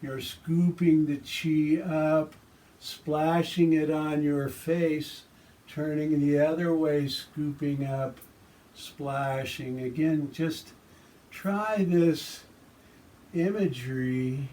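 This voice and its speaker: A man giving guided tai chi and qigong movement instruction with calm, soothing, relaxed cues. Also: on the high side, extremely slow. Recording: distant microphone.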